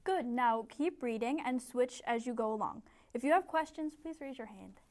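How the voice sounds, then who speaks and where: A young woman with a high voice leads a small-group English lesson in a classroom, giving clear, encouraging instructions. She is picked up by a camera set some way off. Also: animated, moderate pace, a little mellow. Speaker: ESL tutor.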